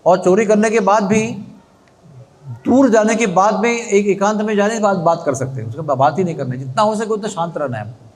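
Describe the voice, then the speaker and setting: Male religious storyteller, fairly high voice, animated with conversational asides. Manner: animated, chatty asides to listeners. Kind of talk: devotional story sermon.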